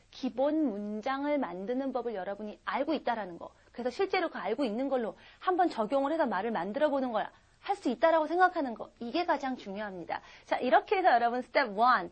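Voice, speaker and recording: A woman teaching an online English grammar lesson in a chatty, lively way, asking the class rhetorical questions. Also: high-pitched.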